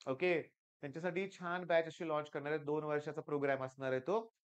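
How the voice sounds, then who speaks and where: A man's voice: fairly high pitch, steady tone, quick pace, smooth, highs cut off. A middle-aged man, a coaching class teacher giving students stern, direct advice and firing off rhetorical questions.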